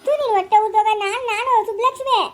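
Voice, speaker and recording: A woman with a rural Karnataka Kannada accent playing a sharp-tongued village wife who berates and wails curses in an amateur family skit. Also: extremely high pitch, fairly even intonation, racing. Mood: scolding. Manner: loud berating, wailing curses.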